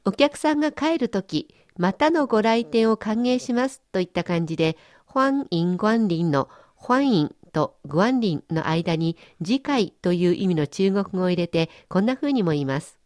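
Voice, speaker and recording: A woman's voice: medium pitch, animated, normal speed, few pauses, a little mellow, no room sound, studio quality. Encouraging woman hosting a language lesson. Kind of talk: friendly scripted language lesson.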